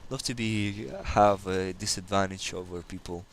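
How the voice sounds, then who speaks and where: This low-quality clip has a Kazakh gaming channel host speaking steadily at a moderate pace in a low voice. He's a native Russian speaker with a slight accent, and his commentary on the game rambles, stalls, and leans heavily on filler words.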